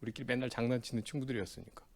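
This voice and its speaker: A man's voice: mid-range voice, racing, a little mellow. A man teaching an exam prep class in a casual, chatty way, often checking in with the students and acting out old friends' banter. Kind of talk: casual lecture with personal anecdote.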